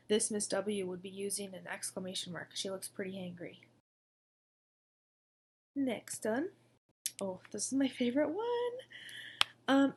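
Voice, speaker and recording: A woman's voice: mid-range voice, darkish tone, a little hiss or hum. A young woman teaching a recorded lesson to second graders, in an upbeat, coaxing manner. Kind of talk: recorded distance-learning lesson.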